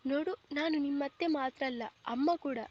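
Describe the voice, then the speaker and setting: Woman doing a tender middle-aged mother-in-law, storybook, soothing, high voice. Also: normal speed, muffled recording, natural voice.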